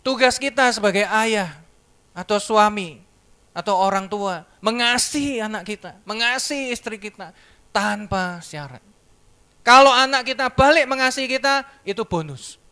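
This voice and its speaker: A man giving a sermon testimony in church, telling his story in a lively way and acting out the dialogue. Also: high voice, moderate pace, clear, resonant tone. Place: church service.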